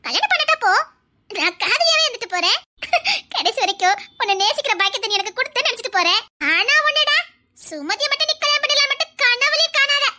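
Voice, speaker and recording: A woman's voice: extremely high pitch, expressive, brisk, sharp tone, slight background noise, full character voice. A woman with a Tirunelveli Tamil accent playing a stubborn, devoted young woman in a comedy skit, pleading and teasing. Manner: tearful pleading turning to playful teasing. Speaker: lead character in a comedy skit. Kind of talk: melodramatic skit acting.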